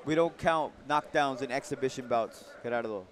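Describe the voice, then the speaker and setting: A man's voice: medium pitch, moderate pace, noisy background. A man giving casual live boxing commentary.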